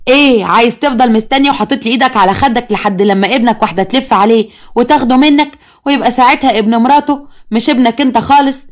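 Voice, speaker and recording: A woman's voice: on the high side, racing, lightly acted. A woman voicing a scheming, scolding stepmother in an Egyptian accent. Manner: pushy and scolding. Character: scheming middle-aged stepmother, bossy and sharp.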